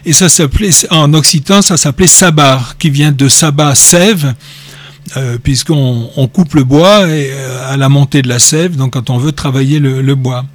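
A man's voice: mid-range voice, moderate pace, no echo. A man giving an informal talk on word origins, digressive and joking, with many hesitations and repeated words. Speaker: speaker explaining word origins.

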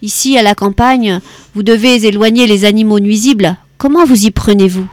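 A woman voicing a calm young police lieutenant. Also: medium pitch, dry recording, close to an everyday voice. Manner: polite, measured questioning. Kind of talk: audiobook character voice.

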